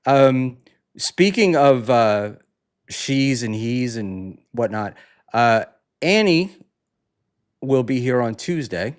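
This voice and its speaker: A man's voice: mid-range voice, expressive. A man hosting a casual talk show, chatting loosely, with many fillers and false starts. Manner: rambling, halting, many fillers and restarts. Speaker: podcast host. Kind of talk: casual chat.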